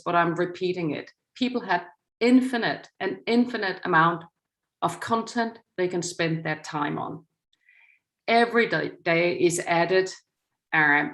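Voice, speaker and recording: Speaking at a medium pitch, this guest lecturer is a middle-aged Danish woman for whom English is a second language. Over video, she gives journalism students a sincere inaugural talk, some of it read from prepared notes.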